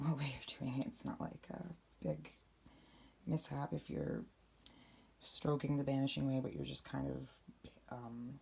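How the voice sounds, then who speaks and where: A young woman speaks quietly and low in a casual vlog, her raspy voice heavily gravelly and husky. Her tone is mellow, yet her pitch moves in a lively way as she rambles along with plenty of fillers. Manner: talking low and quiet late at night. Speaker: vlogger. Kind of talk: casual spiritual how-to vlog.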